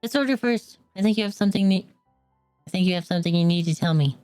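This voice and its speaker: A man voicing a playful, teasing young woman in a high falsetto while reading game dialogue aloud. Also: quick pace, a little mellow, clear, resonant tone, no room sound, faint music behind, close to an everyday voice.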